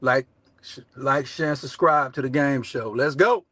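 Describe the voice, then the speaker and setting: A man's voice: mid-range voice, normal speed, a bit bright. A man with a Southern US accent hosting a show with casual political commentary in a brash, profane, slangy way, repeating his catchphrases. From southern United States. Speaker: show host.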